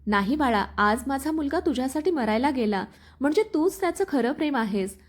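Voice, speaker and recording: A woman reads as a middle-aged mother, remorseful and tender, who speaks softly to console. Her pitch runs high and lively. This is a storybook tale told in a single voice. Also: a little fast. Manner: soft, consoling.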